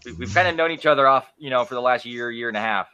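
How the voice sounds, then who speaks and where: A man's voice: mid-range voice, quick pace, pushed and bright, smooth, no echo. A man hosting a casual group video chat, chatty and stumbling over restarts.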